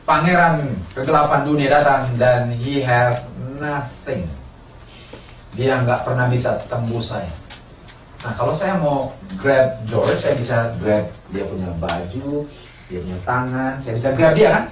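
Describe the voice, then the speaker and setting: A man's voice: medium pitch, a little slow, a little hiss or hum. A man preaching a sermon, asking his congregation questions and answering them himself. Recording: roomy, from a distance, faint ambience.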